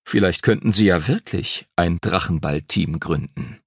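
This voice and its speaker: A man narrating an audiobook in an expressive storytelling manner, close to the mic. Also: low-pitched, measured pace, creaky, husky, no room sound.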